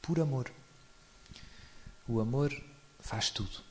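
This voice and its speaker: A man's voice: mid-range voice, takes it slowly, darkish tone. A man with a European Portuguese accent giving an informal spiritual talk, speaking conversationally and often adding tag questions. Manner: chuckles often while explaining. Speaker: religious speaker.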